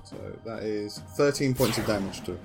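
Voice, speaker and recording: Lowish-voiced man, unsure player. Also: a little fast, music in the background. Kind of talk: tabletop game play.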